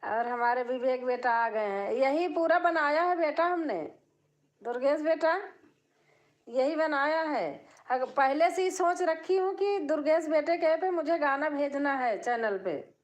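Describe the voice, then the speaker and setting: A woman's voice: high-pitched, unhurried, highs cut off. Chatty older woman hosting a live stream. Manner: chatty, warm-hearted, breaks into folk singing. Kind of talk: casual live chat with viewers. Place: home.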